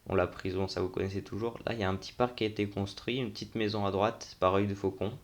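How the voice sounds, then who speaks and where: A young man with a very flat, monotone delivery and plenty of vocal fry. He talks through a game tour off the cuff, in slangy everyday speech, thinking aloud as he goes. His voice sits on the low side. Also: quick pace. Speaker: gaming video host. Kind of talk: casual unscripted game tour commentary.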